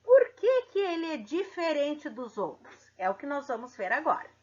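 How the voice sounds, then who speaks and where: With a high, somewhat mellow voice and big swings in pitch, a woman takes a middle school class through grammar, explaining slowly and asking the students questions. The recording has a dull, lo-fi quality.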